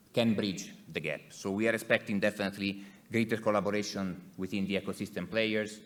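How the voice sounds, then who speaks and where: Man, Italian accent, low pitch, halting executive keynote delivery, repeated words. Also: a bit bright. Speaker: corporate executive giving a conference keynote. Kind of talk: conference presentation.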